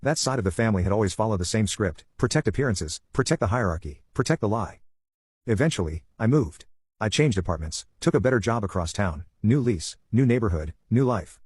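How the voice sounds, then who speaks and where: A man tells a first-person story at a brisk clip, his low voice slightly husky. The sound is close and dry, with no room around it. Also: expressive, darkish tone, no room sound. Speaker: narrator.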